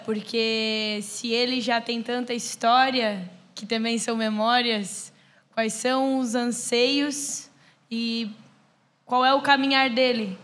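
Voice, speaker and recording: A woman hosts a podcast interview, putting her questions slowly and with care. Her voice is fairly high but stays level, with little rise and fall. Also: a bit bright. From Brazil. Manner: slow, measured questions.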